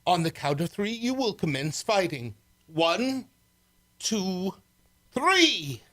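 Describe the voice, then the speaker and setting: A man's voice: high-pitched, very animated, slow, a bit bright, exaggerated voice. A man playing an imperious, menacing prince with a commanding, theatrical manner in a radio serial. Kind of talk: old adventure serial radio acting.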